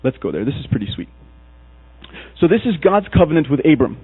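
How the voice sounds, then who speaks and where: A man preaching a sermon in a casual, animated storytelling way, slipping into acted asides. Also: on the high side, quick pace, breathy edge. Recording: tinny lo-fi recording with mains hum.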